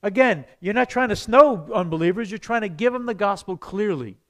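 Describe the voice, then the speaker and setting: A pastor leads a church class on sharing faith. His voice sits a little high for a man, and he talks in a loose, conversational way with sudden loud, animated bursts. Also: a little fast.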